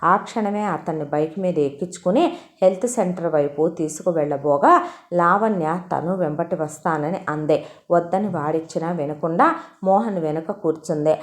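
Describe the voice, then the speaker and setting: A woman reading a story aloud in steady, expressive narration. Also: lowish voice, normal speed.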